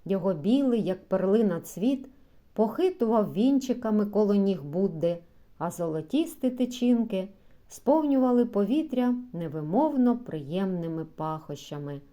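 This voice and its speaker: A woman narrating a short story for schoolchildren, calm and measured. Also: medium pitch. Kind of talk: storybook reading for school literature.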